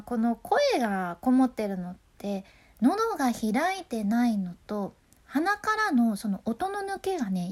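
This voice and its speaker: Woman announcer; high, bright, chatty delivery for a casual voice lesson. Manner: chatty and upbeat, laughs often. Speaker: freelance announcer giving voice tips. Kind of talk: casual voice-training talk.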